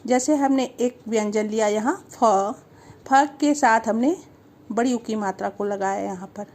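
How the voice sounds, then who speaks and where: A woman's voice: fairly high pitch, measured pace, darkish tone. A woman teaching a Hindi lesson, explaining step by step, repeating each term and asking the viewer questions. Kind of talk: slow, patient language lesson.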